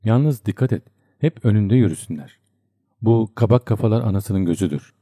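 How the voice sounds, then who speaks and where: A gruff, practical soldier who hands out matter-of-fact orders, as a male narrator reads him. The voice is low and dark. The tone is clipped and steady. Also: normal speed, no echo, studio quality. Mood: brusque.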